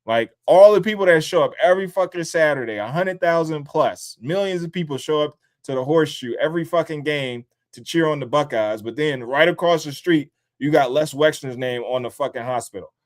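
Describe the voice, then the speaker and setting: A man hosting a livestream from home, talking loosely and with plenty of swearing. He is animated, and he swings from low, easy asides up to high mocking voices. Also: fairly quick, hardly any pauses. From born in upstate New York, raised in the DC area. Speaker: livestream host. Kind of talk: casual livestream commentary. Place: home in Columbus, Ohio.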